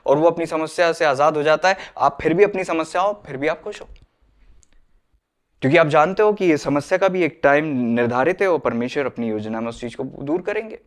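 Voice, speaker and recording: A man's voice: on the high side, fairly quick. A man preaching an earnest sermon, mixing English phrases into his talk and acting out the people he quotes. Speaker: pastor.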